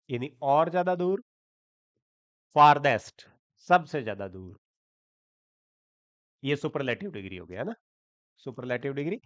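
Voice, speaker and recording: A man's voice: medium pitch, a bit bright, dry recording, highs cut off. A man teaching English grammar, explaining step by step, spelling words out letter by letter and often asking his students if they follow. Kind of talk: Hindi-language grammar lesson.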